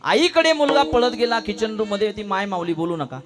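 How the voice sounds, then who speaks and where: A man with a high voice delivers a devotional kirtan sermon. He keeps asking his listeners questions and gives voices to the people in his story. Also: big pitch swings, brisk. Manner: questions the audience constantly, acts out voices in the story. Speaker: kirtan preacher. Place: kirtan gathering before a live audience.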